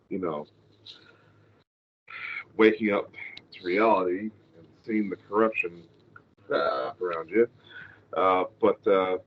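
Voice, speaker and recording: A man calling in remotely over a bad connection that keeps breaking up, talking in a loose, rambling way with many fillers. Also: lowish voice. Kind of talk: casual online chat. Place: home, with others streaming nearby. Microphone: remote call mic. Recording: tinny call line with faint noise.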